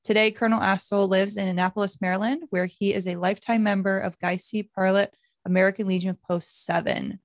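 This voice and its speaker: A woman's voice: mid-range voice, flat delivery, a little fast, dry recording. Woman podcast host, very dry sound. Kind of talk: podcast introduction and interviewing.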